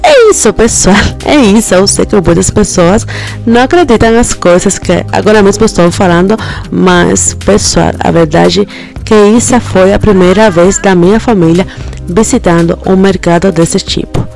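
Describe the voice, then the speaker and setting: A young Cuban vlogger, a native Spanish speaker with a Cuban accent, chats to her viewers as she moves through a supermarket and the street, indoors and out, repeating "pessoal" again and again. Her medium-pitched, darkish voice has vocal fry and normal speed, with faint music behind.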